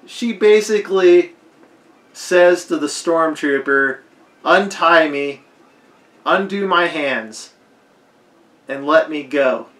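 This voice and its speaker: A man with a hoarse, fading voice giving a rambling, unscripted movie commentary, leaning hard on "like". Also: fairly high pitch, a bit bright. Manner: rambling, heavy use of "like". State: hoarse, losing his voice. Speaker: film commentator. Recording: echoey roomy recording.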